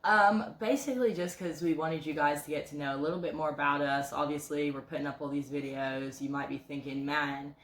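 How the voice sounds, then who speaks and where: A woman's voice: deep voice, fairly even intonation, brisk, few pauses. A woman in her thirties chatting casually on a couple's home vlog, joking and rambling with lots of fillers. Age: 30s. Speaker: co-host. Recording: echoey room with faint noise.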